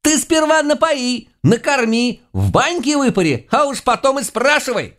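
A man voicing a feisty, sharp-tongued old witch woman in a folksy scolding way. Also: mid-range voice, very animated, normal speed, voice pushed up. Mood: indignant.

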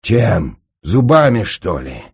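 A male reader voicing a burly, gruff policeman who wheezes hoarsely, in an audiobook. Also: lowish voice, very animated, slow, a little mellow, voice pushed up, heavily acted. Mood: straining.

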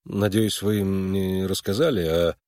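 A man reading an audiobook and voicing a gloomy, guilt-ridden young man who mumbles low and distracted. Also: normal speed, no echo, studio quality.

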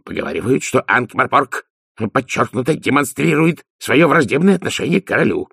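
A man's voice: mid-range voice, sing-song, brisk, creaky, a bit bright, breathy edge, no room sound, clean studio sound, voice pushed up, exaggerated voice. Man doing a flustered stammering dwarf. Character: nervous fussy male dwarf official.

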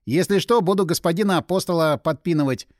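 A man's voice: a little high, fast talker, a little mellow, no room sound, clean studio sound, natural voice. A man voicing a cocky, joking young male pyromancer in an audiobook. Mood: teasing. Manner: teasing, brash.

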